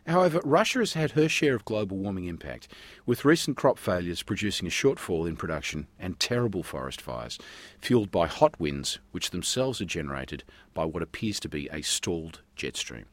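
Male science radio host. Very low, rough-edged husky voice, wry scripted delivery, close dry recording. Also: big pitch swings, normal speed, no echo. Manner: wry, tongue-in-cheek. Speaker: radio science show host and news reader.

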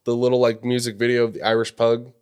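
A man's voice: mid-range voice, flat delivery, fast, darkish tone, smooth. A man chatting on a podcast in a wry, self-deprecating way. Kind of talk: casual chat.

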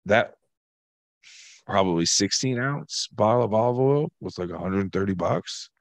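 A man with a scratchy voice, co-hosting a podcast and telling profane, animated stories in casual banter. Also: fairly low pitch, a little slow, dry recording. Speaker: podcast co-host.

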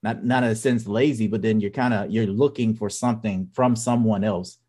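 A man in his thirties co-hosting a podcast, talking casually and haltingly with many restarts. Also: lowish voice, fairly even intonation, mellow. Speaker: podcast co-host. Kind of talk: casual chat.

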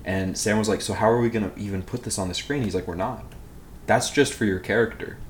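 Casting: podcast co-host, man in his twenties, low voice, chatty and rambling, faint room hiss. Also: fast talker. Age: 20s. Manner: rambling, lots of filler "like". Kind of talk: casual film chat.

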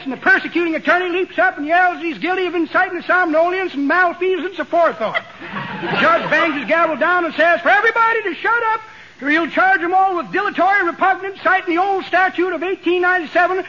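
Folksy old american codger, super high quavery voice, rambling tall tales, noisy old 1940s radio recording. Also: male voice, dull audio. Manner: rustic, rambling storytelling drawl. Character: folksy, garrulous old-timer man telling tall tales. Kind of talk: 1940s radio comedy acting.

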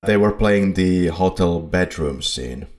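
A man's voice: low voice, takes it slowly, a little mellow. A man co-hosting a film podcast in a casual chat, rambling a bit and chuckling at his own slips. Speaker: podcast co-host. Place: home setup in Poland.

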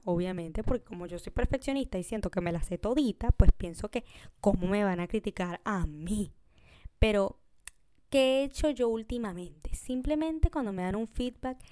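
A woman's voice: mid-range voice, a little mellow, clear, resonant tone, no echo. Chatty woman hosting a podcast. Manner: chatty, talks straight to listeners with frequent "you know?" tags; mixes English words into her Spanish. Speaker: podcast host. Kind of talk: casual solo podcast monologue.

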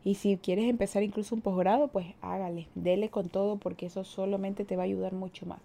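Giggly young Ecuadorian woman, mellow voice. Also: mid-range voice, fairly even intonation, a little fast, vocal fry. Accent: Ecuadorian Spanish. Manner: giggly, self-mocking, laughs often. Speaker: podcast host. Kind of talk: casual chat reading comments.

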